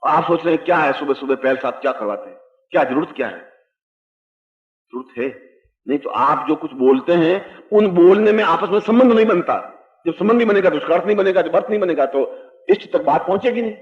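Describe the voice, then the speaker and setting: A man's voice: on the high side, expressive. Older man teaching in an echoey hall. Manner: explanatory, drawn-out emphatic delivery with chanted Sanskrit verses. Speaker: spiritual teacher. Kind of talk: spiritual discourse. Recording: dull echoey old hall recording.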